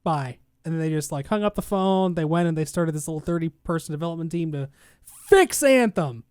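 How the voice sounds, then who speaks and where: A man's voice: a little high, expressive, brisk, a little mellow, clear, resonant tone, no echo, clean studio sound. A man co-hosting a gaming news podcast, reading articles aloud and then riffing on them with sarcastic asides in casual chat. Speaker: podcast co-host.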